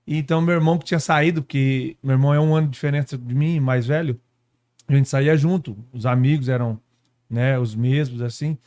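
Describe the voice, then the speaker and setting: A man from São Paulo state telling his story as a guest pastor, unhurried, tagging his sentences with little questions. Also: mid-range voice, fairly even intonation, a little mellow. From São Paulo state, Brazil. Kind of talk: casual testimony conversation. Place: podcast studio.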